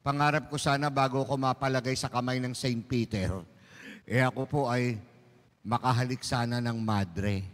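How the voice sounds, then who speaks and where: A man voicing a scheming young male taxi driver who talks in a low, mock-earnest plea. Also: steady tone, normal speed, lightly acted. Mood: pleading. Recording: long hall reverb.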